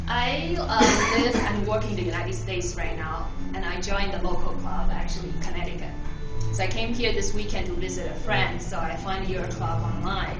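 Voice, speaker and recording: A woman's voice: medium pitch, roomy sound, far from the mic, rough recording. A woman giving an informal speech evaluation to an audience, hesitating and repeating words as she goes. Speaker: speech evaluator, visiting club member. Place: echoey meeting room, away from mic.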